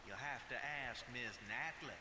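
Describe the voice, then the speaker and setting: A man's voice: mid-range voice, moderate pace, background noise, natural voice. A male actor playing a crude, cocky cowboy henchman in a video game, with a taunting Southern American drawl. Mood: taunting, menacing.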